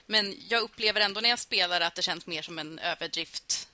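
Bright-voiced woman leading a podcast chat. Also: lowish voice. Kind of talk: casual chat.

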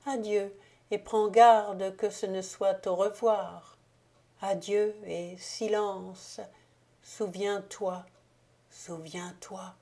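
A woman's voice: medium pitch, fairly even intonation, very slow. A woman voicing a solemn ghostly countess. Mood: solemn, hushed. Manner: grave, solemn, hushed. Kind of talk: audiobook reading.

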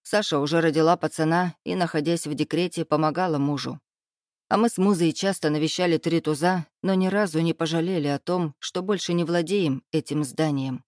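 A man reading a first-person novel aloud as an audiobook narrator, in an even storytelling read. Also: on the high side, a little fast, no echo, clean studio sound.

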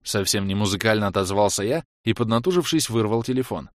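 A man reading a story aloud in first person, with wry, lively delivery. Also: fairly low pitch, fast talker, dry recording, studio quality. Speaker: audiobook narrator. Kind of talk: first-person scripted narration.

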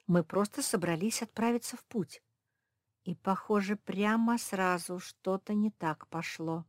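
A woman's voice: medium pitch, measured pace, no echo, studio quality, voice pushed up, natural voice. A woman voicing a nervous, earnest female pug. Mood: puzzled. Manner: earnest, anxious.

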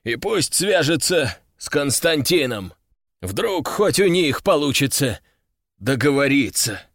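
A man's voice: on the high side, very animated, slow pace, a bit bright, no room sound, exaggerated voice. A man voicing a cruel, vengeful sultan who snarls his orders in an audiobook. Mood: resigned. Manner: snarling, imperious.

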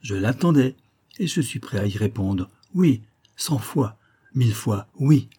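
A man's voice: medium pitch, lively intonation, measured pace, dark tone, breathy edge. A man voicing a frank, fatherly older baron who speaks earnestly and cordially. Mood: warm.

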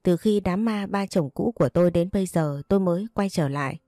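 A woman narrating a first-person story in a steady, plain reading voice. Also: fairly low pitch, fairly quick, no room sound, clean studio sound.

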